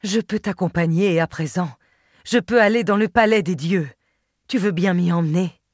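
A woman's voice: lowish voice, moderate pace, no room sound, clean studio sound, close to an everyday voice. A woman reading aloud, voicing a young male sea god who is giddy and exclaiming in wonder at his new power. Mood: eager.

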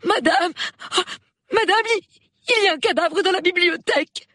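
A woman's voice: very high voice, normal speed, bright, forceful tone, no room sound, clean studio sound, voice pushed up. A man voicing a panicked, breathless young housemaid in a storybook reading. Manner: breathless, frantic.

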